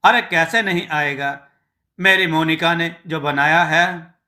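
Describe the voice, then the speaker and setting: A man's voice: fairly high pitch, fairly even intonation, takes it slowly, bright, forceful tone, full character voice. A man voicing a cheerful, hardworking village farmer who likes playful, teasing banter.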